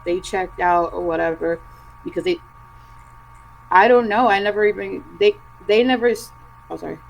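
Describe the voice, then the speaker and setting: A woman telling her personal story as an interview guest over a video call, halting and emotional, with many fillers and restarts. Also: mid-range voice, steady tone, vocal fry, a little hiss or hum, low-quality recording. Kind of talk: personal account in an online interview.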